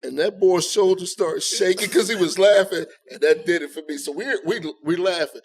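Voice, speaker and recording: A man with a fairly high voice and moderate pace co-hosts a laid-back comedy podcast. He chats casually and tells funny stories.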